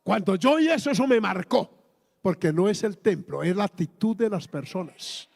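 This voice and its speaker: High-pitched gravelly Colombian preacher. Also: male voice, animated, moderate pace, darkish tone. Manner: emphatic preaching with frequent exclamations and repeated words. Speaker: pastor. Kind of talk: sermon. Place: church hall. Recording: long reverb of a church hall.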